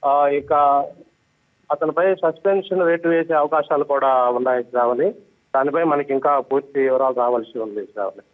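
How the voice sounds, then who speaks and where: Man reporting over a tinny phone line. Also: medium pitch. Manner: halting, many "aa" fillers. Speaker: special correspondent. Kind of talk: live news phone report.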